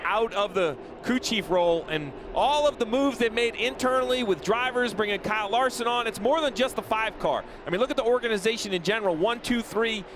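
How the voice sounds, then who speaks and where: A man gives live motorsport analysis in a high voice at a quick pace. He explains as he goes, and engine noise is clearly audible behind him. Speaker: TV race analyst. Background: race cars and outdoor track noise.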